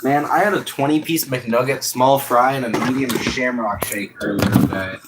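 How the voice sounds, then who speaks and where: A man's voice: medium pitch, moderate pace, very noisy. A young man streaming casual chat outdoors on a phone while walking home, rambling with lots of "like" and "you know".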